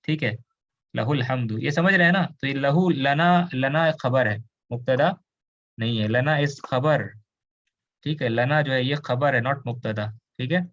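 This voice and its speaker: In an online class lecture, a man from India teaches Arabic grammar, explaining patiently, switching into English and asking his students questions. His mid-range voice is fairly bright and measured in pace, though the audio is dull.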